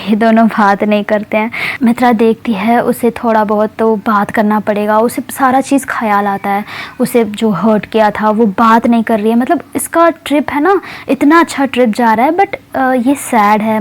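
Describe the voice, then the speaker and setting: A woman with a slightly high voice tells a story in a relaxed, chatty way. She pauses often with small fillers and drops English words in as she goes. It sounds like casual, informal storytelling.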